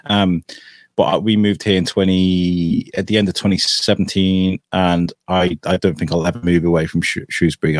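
British guy in his 30s hosting a casual podcast, deep voice, rambles a bit, no room sound. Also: dry recording. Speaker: podcast host. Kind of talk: casual chat.

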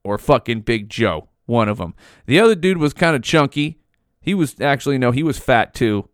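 A man's voice: medium pitch, lively intonation, normal speed, dry recording, clean studio sound. A man hosting a podcast, telling a rambling, heavily profane story in casual slang. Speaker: podcast host.

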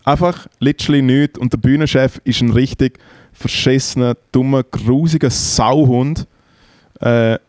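A man's voice: medium pitch, unhurried, no echo, studio quality. A man with a Swiss German accent, casually telling crude backstage anecdotes on a podcast. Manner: profane, animated anecdotes with quoted voices. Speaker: podcast co-host, band tour manager. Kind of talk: casual banter, storytelling.

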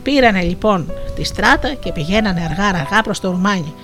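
A storyteller narrating a folktale in a lively Asia Minor Greek dialect. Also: medium pitch, music in the background.

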